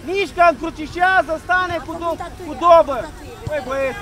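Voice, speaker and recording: A man coaching a youth football team from the sideline, shouting urgent commands and calling out player names. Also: very high-pitched. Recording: loud crowd noise at a match.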